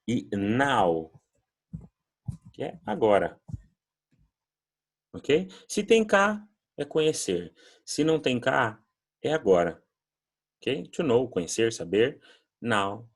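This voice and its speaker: A man's voice: low-pitched, slightly rough. A Brazilian man teaching an English lesson, patiently explaining words and modelling pronunciation drills. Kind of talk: recorded classroom lesson.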